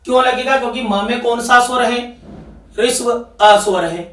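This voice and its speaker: A man's voice: extremely high pitch, moderate pace, a bit bright. A man teaching an exam-prep Hindi grammar lesson with a Rajasthani Hindi accent. He keeps asking questions and answering them himself. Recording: echoey room, voice picked up from a distance.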